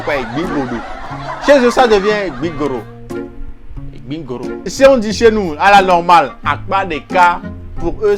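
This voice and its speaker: A comic storyteller spins a mock history in a high, bright-pitched voice. He talks animatedly, repeating words and imitating local for laughs, while music plays clearly underneath. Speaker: comedian telling a mock history.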